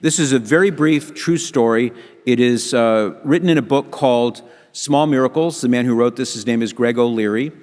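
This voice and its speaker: A man's voice: mid-range voice, moderate pace, darkish tone. A man giving a humorous storytelling talk at a conference, acting out the voices of the people he quotes. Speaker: conference speaker. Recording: long hall reverb.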